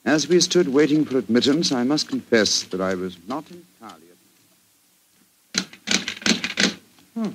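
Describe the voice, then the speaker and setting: An actor playing a genial, pompous, bumbling English doctor with a British accent in a 1940s radio drama. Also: male voice, medium pitch, sing-song, measured pace, long pauses. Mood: storytelling. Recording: noisy 1940s radio recording.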